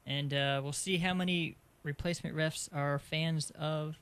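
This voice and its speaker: Easygoing man with a higher voice. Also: steady tone, measured pace, fairly bright tone, smooth, no room sound. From Arizona. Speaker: podcast co-host. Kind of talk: casual sports picks chat.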